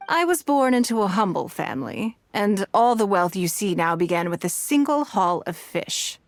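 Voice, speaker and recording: Gentle and relaxed, the actress gives voice to a video game's elegant, self-assured leader, a wealthy and poised businesswoman with a composed, measured delivery. Her voice is mid-range and swings widely in pitch.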